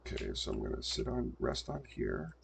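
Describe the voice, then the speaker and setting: A man's voice: extremely low pitch, huge pitch swings, moderate pace, vocal fry, slight background noise. An older man giving casual gameplay commentary, muttering to himself as he plays at a desk mic. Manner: muttering to himself while playing. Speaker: gameplay streamer.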